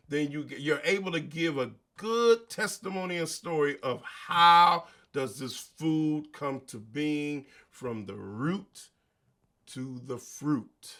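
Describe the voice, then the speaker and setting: A show host with a slightly high, bright, forceful voice delivers a motivational monologue, preaching hard in everyday slang and firing rhetorical question after rhetorical question at his audience.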